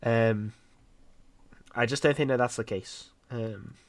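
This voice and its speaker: A man's voice: mid-range voice, steady tone, slow pace. A man casting a live esports match solo on his own streaming mic, chatty and rambling with lots of fillers. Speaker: esports caster. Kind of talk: live game commentary.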